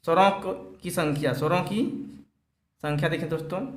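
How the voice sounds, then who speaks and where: A man teaching an exam-prep lesson, who speaks slowly and deliberately, repeats each point, chants lists of vowels and addresses the viewers as friends. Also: a little high. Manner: chants lists of vowels and recites a Sanskrit verse. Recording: echoey room.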